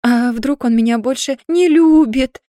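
A woman's voice: medium pitch, moderate pace, warm tone, no room sound, studio quality, lightly acted. A woman voicing a tearful, stubborn young werewolf wife in an audiobook, wailing and indignant.

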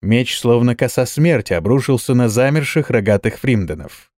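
A man's voice: medium pitch, lively intonation, moderate pace, darkish tone, no room sound, studio quality. A man narrating a fantasy story as an audiobook, telling it expressively.

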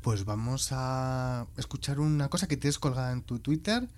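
A man from interviewing a writer, asking questions with many hesitant pauses. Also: mid-range voice, a little mellow. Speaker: radio interviewer.

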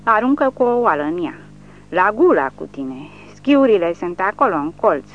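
A reader voicing a drunk, bullying man who is a Soviet village official, shouting insults in an audiobook. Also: high-pitched, big pitch swings, dull audio, slight background noise. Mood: ranting.

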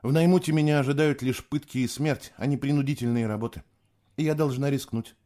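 A male narrator voicing a frightened, stubborn young woman prisoner who cries out in a shrill, pleading way. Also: a little fast, warm tone, natural voice. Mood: determined. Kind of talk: audiobook character voice.

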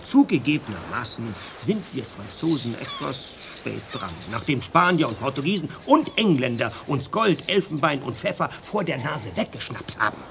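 An actor playing a pompous, patriotic French sea captain in a radio drama, declaiming proudly. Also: male voice, medium pitch, sing-song, moderate pace, vocal fry, hardly any pauses, background noise. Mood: pompous, boastful.

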